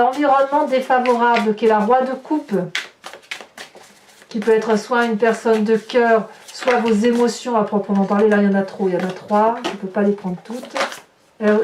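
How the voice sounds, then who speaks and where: A woman's voice: fairly high pitch, fairly even intonation, normal speed, darkish tone, a little hiss or hum. A woman giving a chatty, reassuring tarot reading, often restarting her phrases. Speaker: tarot reader. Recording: echoey room, voice from a distance.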